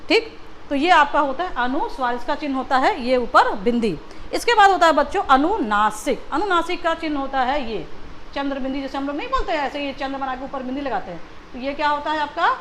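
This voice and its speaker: A woman's voice: sits high, animated, fairly quick, fairly bright tone, a little hiss or hum. A woman teacher giving a Hindi lesson to young children, patiently asking and repeating questions. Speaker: school teacher.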